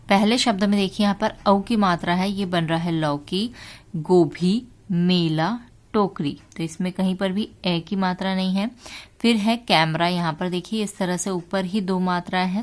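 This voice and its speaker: A woman walking through a children's worksheet as a teacher, in a patient, slow and explanatory way. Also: mid-range voice. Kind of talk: step-by-step worksheet walkthrough.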